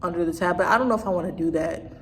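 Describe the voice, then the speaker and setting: A woman's voice: on the low side, rapid-fire, a bit bright. A woman in her twenties talking casually to her viewers in a rambling vlog, often restarting and trailing off. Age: 20s. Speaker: vlogger. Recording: distant hall reverb, faint noise.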